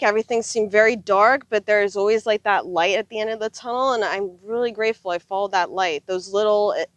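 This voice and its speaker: A woman's voice: mid-range voice, no echo. A woman in her thirties speaking earnestly and reflectively in a casual interview, conversational in manner, recorded outdoors on a lapel mic. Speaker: interview guest, full-time RV traveler. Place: outdoors on open desert gravel lot. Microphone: clip-on lapel mic.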